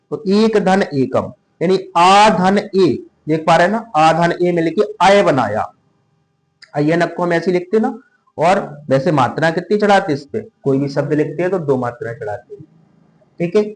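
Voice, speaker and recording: A man's voice: a little high, poor audio. A man teaching a class, patient and repetitive, often asking the students questions. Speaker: tutor. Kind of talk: classroom lesson explaining grammar rules.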